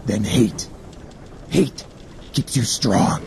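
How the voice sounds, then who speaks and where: An actor playing a grim, hardened galley slave giving measured advice in an epic drama. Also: male voice, lowish voice, lively intonation, creaky, full character voice. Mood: grim, urging. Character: hardened chained galley slave counselling endurance and hatred. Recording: loud music behind.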